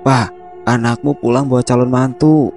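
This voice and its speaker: A man's voice: fairly low pitch, moderate pace, darkish tone, soft background music, close to an everyday voice. A man voicing a shy, clumsy young man in love who stammers but turns cheeky.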